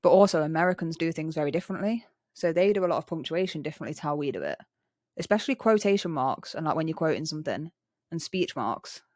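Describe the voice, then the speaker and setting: Casting: young woman, English chav-style accent, rough slang, casual chatty delivery, dry recording. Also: sits low, expressive, quick pace, darkish tone, dry recording. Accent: English, chav-style street slang. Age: young adult. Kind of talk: casual chat.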